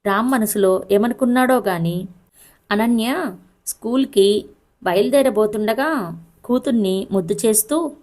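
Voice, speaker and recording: A woman reading a family story aloud, in a steady, emotional read-aloud delivery. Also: mid-range voice, a little slow, long pauses. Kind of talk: scripted story narration.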